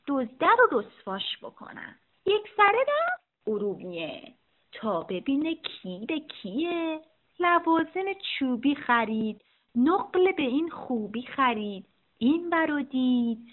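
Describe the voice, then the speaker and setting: A woman reading a rhymed children's story aloud in a rhythmic, sing-song way. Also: sits high. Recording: tinny phone-like sound.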